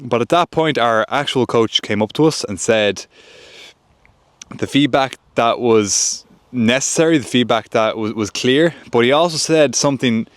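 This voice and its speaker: A man's voice: medium pitch, a little slow, no echo. Earnest man giving advice, dry sound. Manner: earnest, repetitive emphasis. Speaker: joint pain coach and content creator. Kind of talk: direct-to-camera advice with a story.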